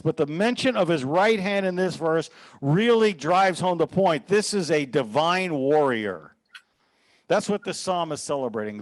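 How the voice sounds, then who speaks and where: Earnest male pastor teaching scripture. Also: a little high. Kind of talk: sermon.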